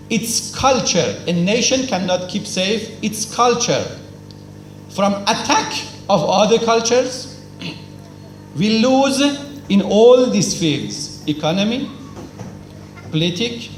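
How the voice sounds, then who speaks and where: At a cultural celebration, a high-voiced man gives a formal speech, lecturing emphatically in simple non-native English. He poses questions and answers them himself, repeating points for emphasis. The recording is from an echoey hall with faint noise.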